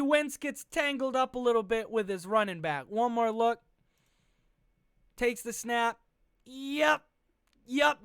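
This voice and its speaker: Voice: medium pitch, fairly bright tone, clear, resonant tone, dry recording. A football fan giving a casual, heavily profane and sarcastic recap over game footage, recorded close on a voice-over mic.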